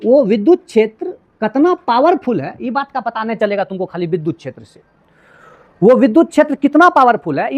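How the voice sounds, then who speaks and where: A man's voice: sits high, lo-fi sound. A male physics teacher, lecturing a class. He keeps asking students whether they have understood and explains with homely everyday examples. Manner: asks repeated check questions to students.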